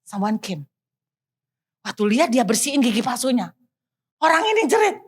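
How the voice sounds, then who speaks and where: Woman pastor, high-pitched, animated storyteller who drops in English phrases. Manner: animated, addresses the congregation often, mixes in English phrases. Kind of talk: sermon storytelling.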